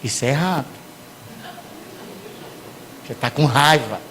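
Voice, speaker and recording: A Brazilian pastor preaching a sermon in church, swinging from hushed lines to shouted ones and acting out the people he quotes. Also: mid-range voice, a little slow, slight background noise. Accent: Brazilian Portuguese. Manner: acts out quoted parents and sinners.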